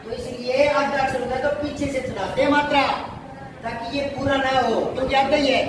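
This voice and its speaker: A man's voice: very high-pitched, steady tone, normal speed, a crowd in the background. A man teaching a Hindi story to a class, often asking the pupils whether they have understood. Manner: questioning, keeps checking pupils follow. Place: classroom with a board. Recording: echoey room, far from mic, background noise.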